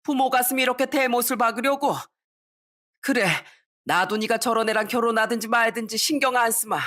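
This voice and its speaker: An older father in a fury, voiced by a woman, shouting down his son with a raised, heated voice. It is read as part of a storytelling recording. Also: on the high side, fairly even intonation, brisk, voice pushed up, natural voice. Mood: angry scolding. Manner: shouting, scolding.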